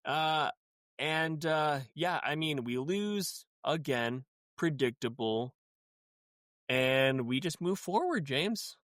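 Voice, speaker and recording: A man's voice: a little high, animated, takes it slowly, a bit bright, no room sound, clean studio sound. A man co-hosting a casual podcast, chatty and wry with a glum edge, often trailing off into fillers. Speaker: podcast co-host.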